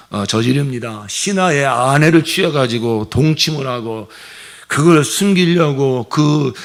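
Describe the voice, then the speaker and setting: A male pastor delivering a Sunday sermon, swinging between raised, passionate preaching and soft, near-whispered asides. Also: mid-range voice. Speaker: senior pastor. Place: church sanctuary.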